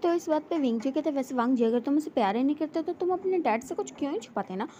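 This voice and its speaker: A woman's voice: high-pitched, lively intonation, fast, mellow. A woman casually narrating a fan fiction story, quoting each character's lines in turn. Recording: dull lo-fi audio with faint noise.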